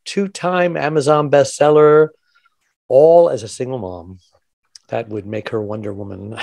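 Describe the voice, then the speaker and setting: A man's voice: mid-range voice, gravelly, warm tone, no echo, studio quality. A man hosting a radio-style podcast interview, talking in a chatty, upbeat promo patter. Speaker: podcast host.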